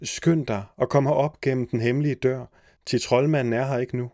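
A man's voice: medium pitch, fairly even intonation, mellow, no room sound, clean studio sound, natural voice. A man voicing a grieving young princess, tender and sorrowful, in a storybook reading.

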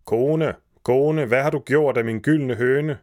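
A man voicing a huge, suspicious male giant in a storybook reading, shouting his demands. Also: medium pitch, dry recording, studio quality, voice pushed up, lightly acted. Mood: bellowing.

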